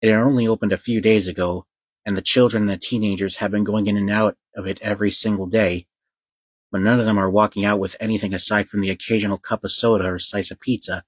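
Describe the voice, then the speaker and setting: A man narrating a children's fantasy audiobook in an earnest, steady storytelling manner, with a few small slips. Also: lowish voice, quick pace, slightly rough, dry recording, poor audio.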